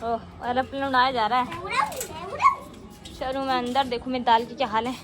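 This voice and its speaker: A woman's voice: a little high, little pitch movement, normal speed. A young mother talking frankly in a casual home vlog, sometimes scolding her children, with faint kitchen sizzling behind her. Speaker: vlogger and mother. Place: home in northern India. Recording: faint background noise.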